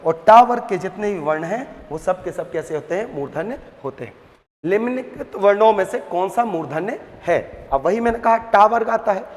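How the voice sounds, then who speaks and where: A man's voice: high voice, lively intonation, normal speed, big-room sound. A male Hindi grammar teacher giving an exam-prep lesson, who asks questions and answers them himself and drills the letter sounds aloud.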